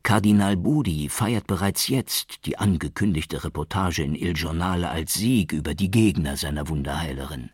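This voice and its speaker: A man's voice: low voice, moderate pace, hardly any pauses, breathy edge, no room sound, studio quality. A man voicing an enthusiastic, talkative Italian male journalist in an audiobook. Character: cheerful Italian male journalist, eager and warm.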